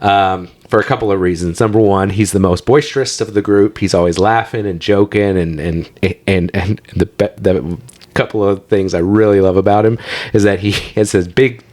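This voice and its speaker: Male podcast co-host, lower voice, upbeat trivia-sharing banter. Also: steady tone, normal speed, a little mellow. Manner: enthusiastic, chatty, trivia-sharing. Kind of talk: casual chat.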